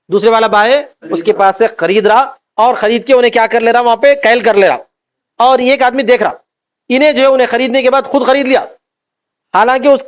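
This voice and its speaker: High-voiced man teaching a law class. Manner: reads Arabic text then explains, asks and answers own questions. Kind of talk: classroom lecture. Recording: dull lo-fi recording.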